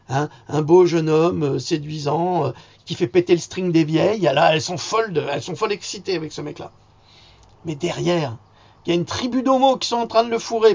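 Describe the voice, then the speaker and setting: A man with a high, gravelly voice rants indignantly to camera in an improvised vlog, rambling from one point to the next and bursting into sudden mockery. The recording has a dull, lo-fi sound.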